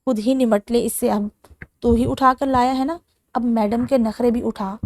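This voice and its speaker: A woman's voice: on the high side, fairly even intonation, a little mellow, dry recording, studio quality, lightly acted. A woman voicing a blunt young man, a friend of the hero, in a romance audiobook. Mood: exasperated.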